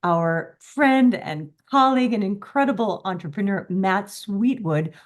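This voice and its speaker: A woman's voice: medium pitch, lively intonation, measured pace. A woman hosting a podcast, giving an enthusiastic scripted introduction. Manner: warm, enthusiastic welcome. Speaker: podcast host.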